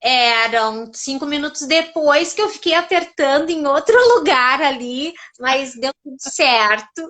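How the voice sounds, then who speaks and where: A woman's voice: sits high, animated, unhurried, bright, forceful tone. A woman as a guest on a live stream, giving brief agreeing replies in casual chat.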